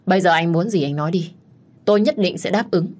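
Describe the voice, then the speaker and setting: A woman's voice: fairly low pitch, fast, darkish tone, natural voice. A woman voicing a frightened young husband who stammers and pleads for his wife's release. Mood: pleading.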